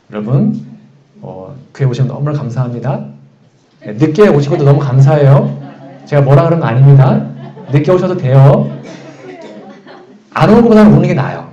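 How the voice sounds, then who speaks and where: A man's voice: mid-range voice, dark tone. A man preaching a sermon as pastor, talking animatedly and asking the congregation questions. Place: church sanctuary. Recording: echoey church room, dull lo-fi sound.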